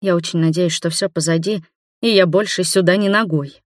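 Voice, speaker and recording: A woman's voice: fairly low pitch, steady tone, a little fast, no room sound, lightly acted. A reader voicing a tired, blunt middle-aged woman who answers dryly and curtly. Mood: weary, curt. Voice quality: dry, curt. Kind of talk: audiobook dialogue.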